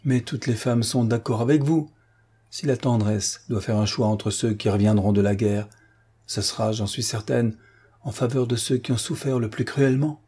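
A man reading the lines of a gentle, sad young nurse in an audiobook, in a soft, restrained voice. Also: mid-range voice, moderate pace, breathy edge, natural voice. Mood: earnest.

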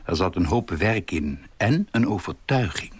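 A middle-aged man reads a literary story aloud in a dry, understated tone. His voice is husky and fairly low, and it sounds close and dry, with no room around it. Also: animated, unhurried, no echo. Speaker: author reading his column.

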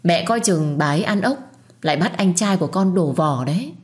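A woman's voice: lowish voice, expressive, brisk, lightly acted. A woman voicing a scheming young sister-in-law who whines and hurls accusations. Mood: accusing. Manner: whiny, accusing, loudly crying.

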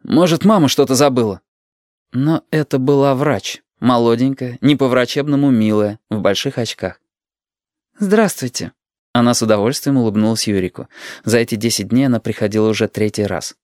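A man reading a story aloud as narrator, calm and measured. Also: mid-range voice, no echo, clean studio sound. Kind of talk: audiobook reading.

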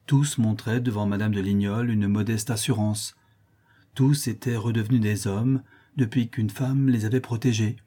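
A man reading a classic novel aloud as an audiobook narrator, in a measured literary manner. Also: fairly low pitch, fairly even intonation, mellow, husky. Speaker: audiobook reader.

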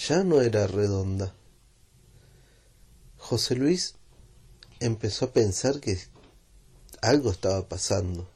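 A man with a Rioplatense Spanish accent reading a children's story aloud in a gentle, unhurried way. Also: fairly low pitch, lively intonation, breathy edge.

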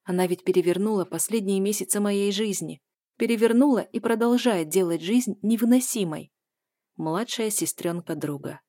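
A woman narrating a first-person novel as an audiobook, in a steady, low-key manner. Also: moderate pace, dry recording, studio quality.

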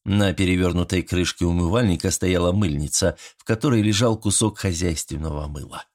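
A man reading a first-person audiobook story, with expressive storytelling and dry wit. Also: sits low, brisk. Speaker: audiobook narrator.

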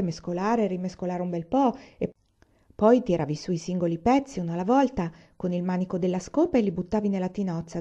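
A woman reading a novel aloud as a storybook narrator, calm and even. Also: fairly low pitch. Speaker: reader of a novel. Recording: dull lo-fi recording.

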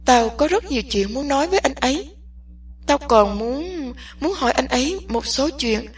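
A determined young woman insists on her way, firm and deliberate, her voice raised and slightly husky, as a female narrator puts her on. The recording sits at a distance from the mic, so she sounds a little far away. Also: sits high. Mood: resolute. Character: young woman, impatient, intensely resolute.

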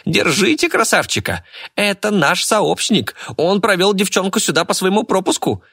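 A man's voice: sing-song, moderate pace, bright, forceful tone, slightly rough, heavily acted. A man voicing a brash green-skinned alien female thief who gloats and mocks. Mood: gloating mockery. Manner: shrill, gloating.

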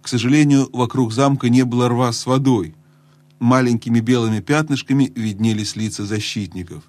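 A man reading a children's fantasy audiobook aloud in a measured storytelling voice that drops low and hushed in tense moments. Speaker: audiobook narrator. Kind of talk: scripted storybook narration.

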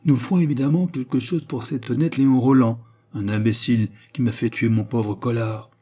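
A man voicing a calm, menacing baronet villain who lectures his accomplice in an audiobook reading. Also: mid-range voice, normal speed, slightly rough, close to an everyday voice. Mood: cold menace.

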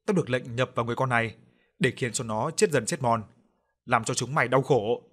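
A man's voice: medium pitch, fairly quick, lightly acted. Guy doing a nasty gloating demon, hungry and snarly, ghost story. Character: ravenous possessing demon in a pregnant woman.

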